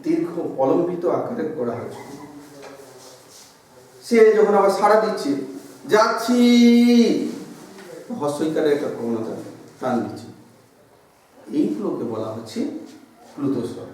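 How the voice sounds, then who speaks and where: A man's voice: on the high side, very animated, normal speed, long pauses, darkish tone. A man teaching a grammar lesson in a classroom, explaining step by step and drawing out sounds to demonstrate them. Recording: echoey room from far off.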